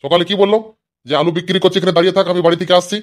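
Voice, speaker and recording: Guy doing a grumpy cartoon dad, scolds his kids, talks quick. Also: sits high, steady tone, lightly acted. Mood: scolding. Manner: scolding, exasperated. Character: grumpy father, vegetable seller. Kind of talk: cartoon voice acting.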